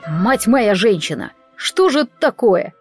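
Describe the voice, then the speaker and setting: A woman's voice: mid-range voice, big pitch swings, measured pace, slightly rough, no room sound, faint music behind. A woman voicing a brash, cocky young man who plays at being indignant and snaps off mock-military replies. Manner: loud, mock-indignant, swaggering.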